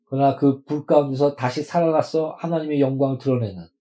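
A man's voice: medium pitch, fairly even intonation, brisk, warm tone, poor audio. A male pastor preaching a sermon to his congregation, emphatic and stretching words out for stress.

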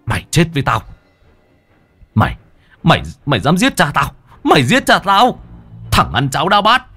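A man doing a furious young fighter shouting. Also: on the high side, wildly swooping pitch, moderate pace, husky, faint music behind, voice pushed up, full character voice. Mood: enraged. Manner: shouting in rage. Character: young male martial artist, furious and avenging.

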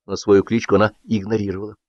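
A man's voice: fairly low pitch, little pitch movement, quick pace, darkish tone, dry recording. A man narrating a satirical novel as an audiobook reader, telling the story expressively. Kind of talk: scripted literary narration. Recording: dull lo-fi audiobook recording.

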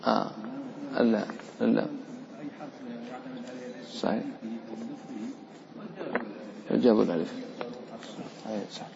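A man's voice: lowish voice, steady tone, slow pace, vocal fry, pauses often, a crowd in the background. Man teaching a class in a big echoey hall, muffled recording, chatty and quizzing his students. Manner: conversational, quizzes students and personifies letters. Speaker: sheikh teaching Quran recitation rules. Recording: dull reverberant hall recording.

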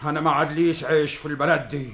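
An actor with an Egyptian accent playing a wicked, boastful demon king with a gravelly voice and evil-laughing menace in a radio fantasy. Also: fairly high pitch, level tone, rapid-fire, fairly bright tone, close to an everyday voice. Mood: menacing, scheming.

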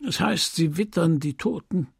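A man's voice: a little high, normal speed, vocal fry, husky, no room sound, studio quality, voice pushed up, exaggerated voice. A man voicing an earnest, superstitious older village priest in a radio reading of a novel.

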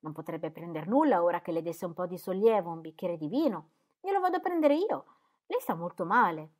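A woman reading a shaken, caring young gentleman. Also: on the low side, big pitch swings, fairly quick. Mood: concerned. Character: young gentleman, proud but shaken and compassionate. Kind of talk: audiobook reading.

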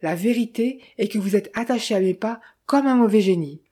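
A woman's voice: mid-range voice, a little fast, dark tone, lightly acted. A woman voicing a tense young man posing as a detective, speaking curtly in a storybook reading. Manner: curt, clipped, through clenched teeth.

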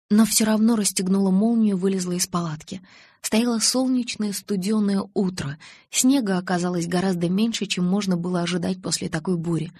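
Woman reading a novel aloud, husky lowish voice, dry close sound. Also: darkish tone, no echo. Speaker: audiobook reader. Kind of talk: scripted audiobook narration.

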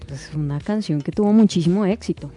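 A woman's voice: fairly low pitch, fairly quick, warm tone, faint music behind. A female radio co-host in casual on-air chat, reading out dated anniversaries and agreeing readily.

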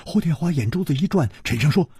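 A man narrating a martial-arts story in a dramatic, lively storytelling style. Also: fairly high pitch, fast talker, slightly rough, no room sound, clean studio sound.

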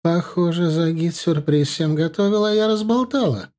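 A woman's voice: on the low side, moderate pace, warm tone, voice pushed up, natural voice. A man voicing a chatty, practical older woman recovering from surgery, speaking firmly. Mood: surprised.

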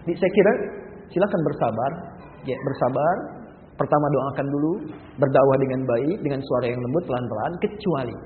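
A man preaching a sermon, telling stories and acting out other people's voices, rising in pitch and volume when he stresses a point. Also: brisk, a little hiss or hum. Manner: storytelling, acting out voices of mother and child. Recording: echoey hall over a lo-fi, phone-like line.

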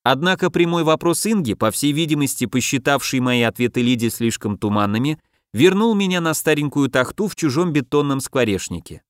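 A man narrating a first-person audiobook in a calm, measured, contemplative manner. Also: medium pitch, clean tone, no echo, studio quality.

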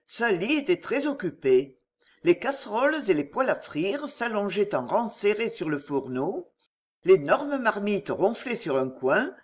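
A reader narrating a classic novel chapter in a measured, expressive way. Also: medium pitch. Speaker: audiobook reader.

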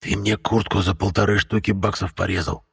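A man's voice: low-pitched, steady tone, a little fast, creaky, a bit bright, husky, no room sound, clean studio sound, full character voice. A man voicing an arrogant, sullen male ghoul who hisses and grumbles his lines. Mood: hissing. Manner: grumbling, hissing.

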